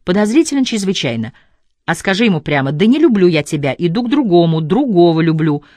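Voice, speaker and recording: A woman reading a novel aloud and voicing an impulsive, quick-tempered young woman who scolds and teases. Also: on the low side, dry recording, studio quality. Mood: animated. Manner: lively, scolding, teasing.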